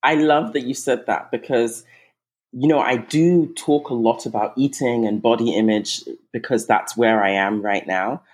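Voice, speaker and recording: A woman raised in England, a guest eating coach, talking in a chatty, warm podcast conversation with frequent ums and restarts. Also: very deep voice, moderate pace. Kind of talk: casual podcast chat.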